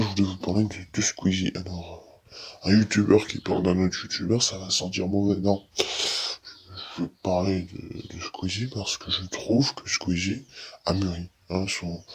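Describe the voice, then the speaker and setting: An eighteen-year-old man speaking through a disguised, altered deep voice, giving his opinion in a rambling way with many restarts and repeated words. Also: creaky, fairly bright tone, husky. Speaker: YouTuber. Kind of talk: casual opinion monologue.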